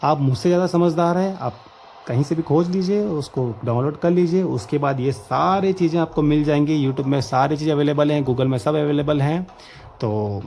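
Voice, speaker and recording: A man casually talking viewers through a gaming setup tutorial, chatty and excited, calling them friends. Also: fairly high pitch, moderate pace, vocal fry. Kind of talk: casual screen-recorded tutorial commentary.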